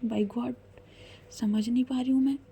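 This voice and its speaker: Brief: woman narrator playing a teasing young woman, mellow and light, jokey. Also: fairly high pitch, fairly even intonation, a little slow, vocal fry, slight background noise.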